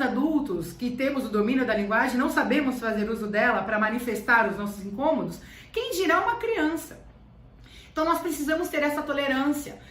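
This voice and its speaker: A woman's voice: sits high, fairly bright tone, reverberant, far from the mic. A woman with a Brazilian Portuguese accent, a teacher explaining things to parents, often repeating phrases for emphasis. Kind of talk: educational talk to parents.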